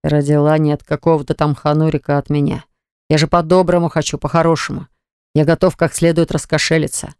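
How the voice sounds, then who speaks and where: Woman doing stern domineering man, slow low clipped commands, smooth dry voice. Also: little pitch movement, darkish tone, no echo. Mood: menacing.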